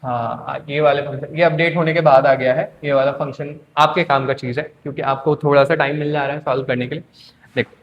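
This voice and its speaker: A man's voice: on the high side, muffled recording. A man teaching English for an exam, quizzing students with repeated questions. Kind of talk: exam-prep lecture.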